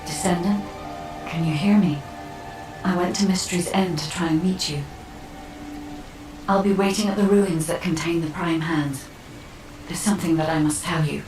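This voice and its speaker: A woman voicing a composed, solemn artificial guide in a video game, with measured, formal speech. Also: fairly low pitch, music in the background, close to an everyday voice. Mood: calm, solemn. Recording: roomy, distant, clearly noisy ambience.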